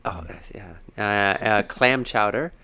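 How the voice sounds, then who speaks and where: A man's voice: on the low side, slow pace, vocal fry, a crowd in the background. Chatty male podcast host. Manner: rambling, chatty, with frequent fillers. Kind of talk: casual chat.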